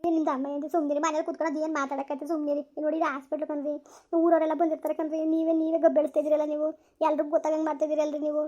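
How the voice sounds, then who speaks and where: A woman's voice: sits high, flat delivery, very fast, dark tone, dull audio, lightly acted. A woman voicing a worried village mother who nags and pleads with her family. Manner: pleading, scolding. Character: worried village mother, nagging but caring. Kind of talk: village family drama acting.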